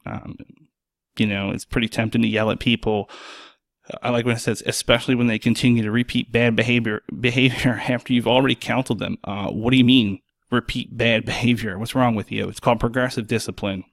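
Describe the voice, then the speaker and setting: A man's voice: medium pitch, steady tone, fairly quick, creaky, dry recording. Blunt, sarcastic man with a dry voice. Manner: blunt, sarcastic, swears freely. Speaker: podcast host and EMS worker. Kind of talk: solo podcast commentary.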